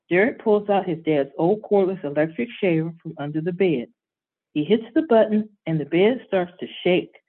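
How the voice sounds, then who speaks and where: A woman hosting and reading a bedtime story in a calm, steady way. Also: on the low side, slightly rough. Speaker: host. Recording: tinny phone-like audio.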